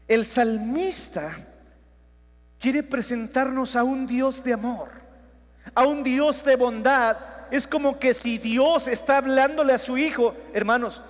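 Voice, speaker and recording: A man preaching a sermon as pastor, with emphatic lines that swing between loud declarations and hushed asides. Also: extremely high pitch, slow pace. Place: church sanctuary. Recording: long hall reverb.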